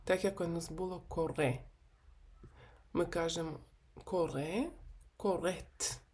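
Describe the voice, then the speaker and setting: A woman teaching a video grammar lesson. She speaks slowly and deliberately and repeats verb forms one by one. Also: fairly low pitch, fairly even intonation, darkish tone. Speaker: Hebrew language teacher.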